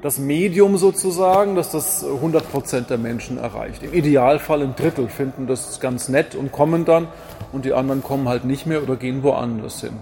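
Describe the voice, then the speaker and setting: A man preaching a sermon in a lively, rhetorical manner, with wry asides and repeated refrains. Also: medium pitch, gravelly, a little hiss or hum.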